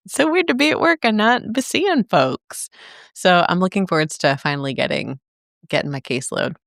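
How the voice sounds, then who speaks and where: A young woman co-hosting a podcast as a speech therapist, chatting casually and animated, with playful jumps into silly voices. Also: fairly low pitch, normal speed, gravelly, no room sound, clean studio sound. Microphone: studio microphone.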